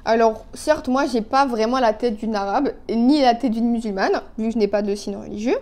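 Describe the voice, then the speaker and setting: A woman in her twenties talks through her makeup in a loose, chatty way, scattering fillers and asides. Her voice sits a little high but sounds soft and mellow. It is recorded on a phone. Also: normal speed. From Canada. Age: 20s. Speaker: beauty vlogger. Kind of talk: casual chat while doing makeup.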